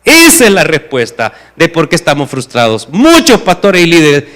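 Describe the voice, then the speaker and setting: Male preacher, Salvadoran accent, higher pitch, emphatic sermon delivery. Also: wildly swooping pitch, normal speed, fairly bright tone. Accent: Salvadoran Spanish. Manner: emphatic, asks the listeners rhetorical questions.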